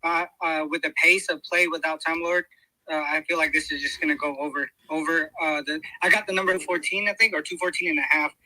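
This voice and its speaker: Man, bright sharp voice, basketball betting picks, halting with fillers, dry sound. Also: a little high, steady tone, dry recording, poor audio. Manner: halting, many fillers and restarts. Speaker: betting show guest analyst. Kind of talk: casual betting analysis.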